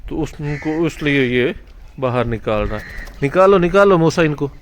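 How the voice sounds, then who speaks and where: A man's voice: fairly high pitch, animated, moderate pace, slight background noise. A man hosting a casual pet vlog at an outdoor bird enclosure, instructing a boy as he narrates. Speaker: vlog host.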